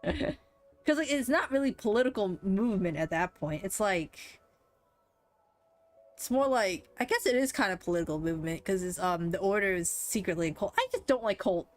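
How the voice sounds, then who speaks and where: A woman's voice: mid-range voice, lively intonation, moderate pace, soft background music. A young woman casually commenting while streaming a game, chatty and full of fillers, laughing and swearing.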